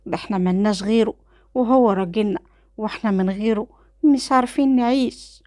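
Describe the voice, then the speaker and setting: A woman's voice: medium pitch, fast, warm tone, no room sound, studio quality, voice pushed up, lightly acted. A woman voicing a poor grieving widow who asks anxious questions, in an Egyptian Arabic accent.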